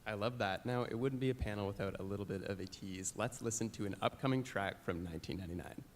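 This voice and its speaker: A man hosting a convention panel, upbeat and smooth as he introduces clips and questions. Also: fairly low pitch, fast talker, slight background noise. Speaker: panel host. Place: live convention stage.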